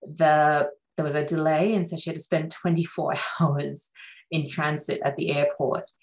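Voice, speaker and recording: A middle-aged woman from Sri Lanka, a surgeon, chatting reflectively with plenty of fillers in a relaxed interview. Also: deep voice, moderate pace, poor audio. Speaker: surgeon guest.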